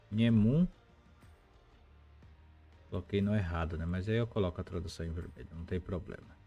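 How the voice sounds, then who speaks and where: Low-voiced man teaching a lesson. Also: no echo. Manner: explanatory, repeats words slowly, chatty asides. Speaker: language teacher. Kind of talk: live online language lesson.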